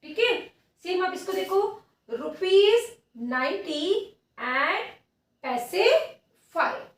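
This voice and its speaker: A woman teacher with an Indian accent, patiently dictating a maths lesson to young children, repeating each word slowly. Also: very high-pitched, lively intonation, fairly bright tone. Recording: echoey room, voice from far off.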